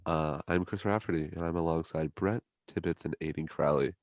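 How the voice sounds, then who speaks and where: A man's voice: very deep voice, brisk, no room sound. A young man hosting a sports podcast over a video call, joking and crude in casual banter. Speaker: podcast host. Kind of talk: casual chat.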